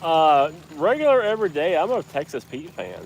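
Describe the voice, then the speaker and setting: A man's voice: a little high, big pitch swings, normal speed, rough recording. A man with a congested, blocked nose chats in a colloquial, rambling way while out fishing. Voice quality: congested, stuffed-up nasal voice. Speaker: angler filming a fishing outing. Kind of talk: casual chat while fishing. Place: outdoors at night by water. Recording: outdoor night ambience, insect noise.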